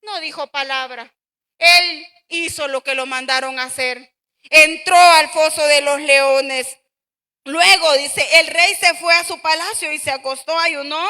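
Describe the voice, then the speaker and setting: A woman's voice: high voice, sharp tone, long reverb tail. A woman preacher with a Salvadoran accent giving a fervent sermon, often calling out to her listeners as brothers, her voice at times cracking with emotion. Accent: Salvadoran Spanish. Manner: fervent, repeatedly addressing the congregation as brothers.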